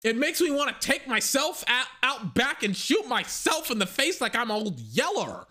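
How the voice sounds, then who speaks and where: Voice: medium pitch, very animated, bright, forceful tone. A young adult giving a heated, profane sports rant. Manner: angry, profane, fast ranting. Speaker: sports commentator.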